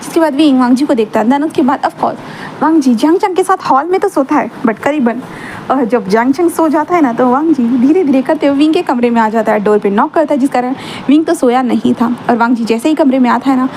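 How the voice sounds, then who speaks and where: A woman's voice: sits high, fairly quick, darkish tone, a little hiss or hum, rough recording. A woman casually narrating a fan fiction story, rambling and mixing in English words.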